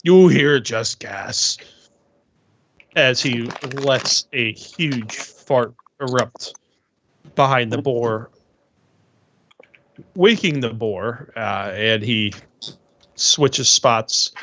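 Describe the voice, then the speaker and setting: A man narrating a tabletop game as game master, unhurried and filled with "uh"s, over an online voice call. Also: mid-range voice, bright, forceful tone. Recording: muffled lo-fi online voice chat.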